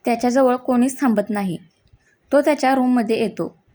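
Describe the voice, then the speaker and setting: Mellow woman narrating a story. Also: fairly high pitch, fairly quick.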